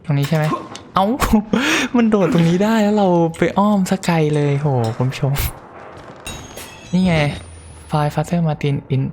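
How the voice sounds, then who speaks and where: A man's voice: high-pitched, expressive, takes it slowly, pauses often, darkish tone. A man giving casual commentary while playing a horror game, exclaiming and chattering at the screen. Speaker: gameplay streamer. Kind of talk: casual let's-play commentary. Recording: clear background game noise.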